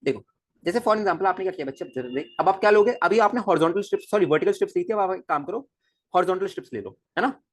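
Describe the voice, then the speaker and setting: Animated male physics teacher, dry room. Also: high voice, very fast, no echo. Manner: animated, coaxing, repeats questions to students. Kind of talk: recorded classroom lecture.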